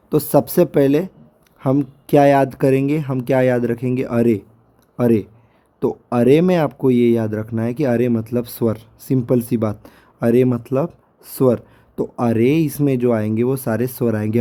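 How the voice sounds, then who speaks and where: Hoarse guy teaching slow, super dark voice, repeats sounds over and over for practice. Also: medium pitch, fairly even intonation. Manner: slow, patient, repeats syllables to drill them. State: hoarse, sore throat. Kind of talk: lecture over a screen recording.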